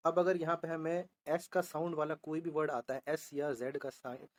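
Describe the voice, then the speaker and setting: A man's voice: on the high side, moderate pace. Man teaching shorthand step by step. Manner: steady teaching voice, spells out letters, asks and answers itself. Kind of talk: explaining a lesson on a board.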